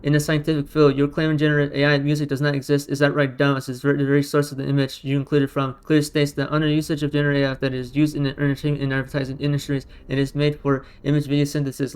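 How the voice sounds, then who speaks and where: With a smooth, mid-range voice of darkish tone, a male online commentator pushes back in argumentative response commentary. His first language is Romanian or Russian, and he comes off exasperated and combative, relying on emphatic rhetorical questions.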